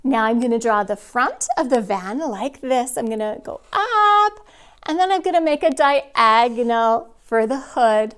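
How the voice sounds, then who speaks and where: A woman with a high voice speaks as a kids show host for kindergarteners. She gives step-by-step instructions very slowly, with simple encouraging prompts for the children. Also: expressive. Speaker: children's drawing and spelling teacher.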